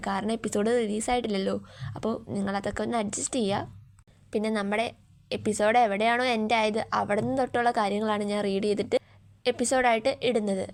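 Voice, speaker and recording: A young woman chattily retelling a drama's plot for her channel. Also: mid-range voice. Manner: chatty, fast retelling with frequent tag words. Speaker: YouTube story explainer. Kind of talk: casual story retelling.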